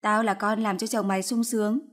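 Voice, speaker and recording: A woman's voice: medium pitch, little pitch movement, brisk, voice pushed up, natural voice. A woman voicing a smug young mistress who taunts in a storybook reading. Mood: smug taunting. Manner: mocking, triumphant.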